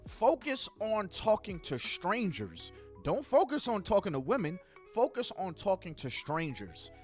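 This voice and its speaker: A man's voice: sits high, a little slow, faint music behind. A man on a podcast giving advice in a coaching tone and acting out short sample conversations. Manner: animated coaching, acts out little dialogues.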